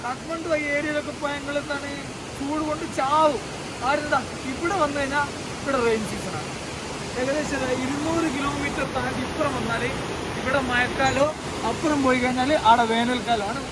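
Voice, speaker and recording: Very high-pitched Malayali man over loud noise. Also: steady tone. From Kerala, India. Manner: mixes English words into Malayalam. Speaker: travel vlogger. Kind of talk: casual vlog chat. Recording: loud rushing noise over outdoor audio.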